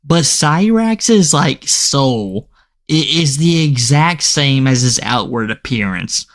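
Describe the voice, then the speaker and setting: A man's voice: medium pitch, lively intonation, slow, fairly bright tone. Young guy reacting to clips, casual and rambly, stumbles over words a lot. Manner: casual, stammering restarts, addresses viewers as guys. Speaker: commentary YouTuber. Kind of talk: reaction commentary.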